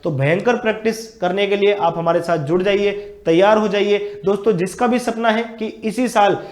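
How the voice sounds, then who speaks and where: High-voiced energetic male coaching teacher. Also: normal speed, reverberant. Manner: energetic, repetitive, addresses viewers as brothers and friends. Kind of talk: exam strategy lesson with batch promotion.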